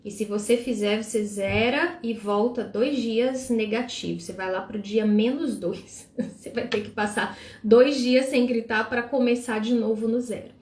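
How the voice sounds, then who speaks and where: Woman, devotional teacher, animated, fairly high voice, reverberant room. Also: a little slow. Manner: animated and expressive, acting out examples. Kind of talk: live-streamed devotional teaching. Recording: roomy echo.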